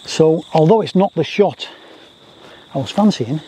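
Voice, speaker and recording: On a grassy rural roadside, a man who's a landscape photographer and vlogger offers chatty, self-deprecating commentary, often repeating his phrases. His voice is on the high side, expressive and a little slow, with faint outdoor noise and insects in the background.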